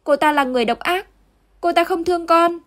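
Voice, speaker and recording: A woman's voice: extremely high pitch, brisk, a bit bright, voice pushed up. A woman voicing a timid young boy who pleads and whimpers in a storybook tale. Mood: tearful pleading.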